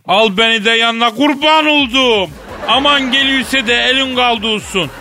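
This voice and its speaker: A man's voice: high-pitched, sharp tone, pitched above the performer's own voice. A man voicing a lovesick aging Roman ruler who wails in a Tokat dialect. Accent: Tokat dialect of Turkish. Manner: wailing, overwrought.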